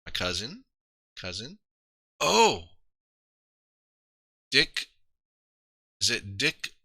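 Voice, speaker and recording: A man's voice: on the low side, sing-song, drawn-out words, creaky, sharp tone, husky, no echo. A man streaming live, rambling casually to his viewers, trailing off and poking fun at himself. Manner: rambling, self-deprecating, trails off and restarts.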